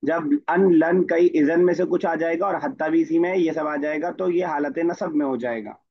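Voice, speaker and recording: A man's voice: a little high, moderate pace, gravelly, highs cut off. A man teaching an online Arabic grammar class, explaining patiently and quizzing his students by name.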